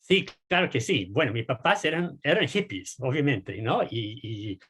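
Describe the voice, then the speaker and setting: Hesitant man in his sixties, husky. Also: medium pitch, sing-song, measured pace, fairly bright tone. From United States. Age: 60s. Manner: hesitant, many repeated words and fillers. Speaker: guest political scientist. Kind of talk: casual interview answers.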